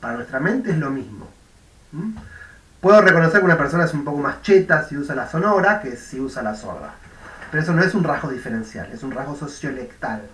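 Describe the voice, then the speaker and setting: A man's voice: fairly high pitch, animated, a little fast, fairly bright tone, far from the mic. A man with a Rioplatense Spanish accent giving a university lecture, explaining step by step, demonstrating sounds aloud and often checking that his students follow. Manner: explanatory, checks understanding with "¿m?" and "¿de acuerdo?". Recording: echoey room, voice off-mic.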